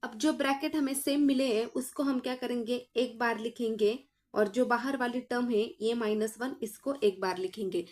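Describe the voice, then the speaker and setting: A woman's voice: on the high side, moderate pace, a little mellow. A woman math teacher walks through each step, asking the class questions and answering them herself. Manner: addresses students as children.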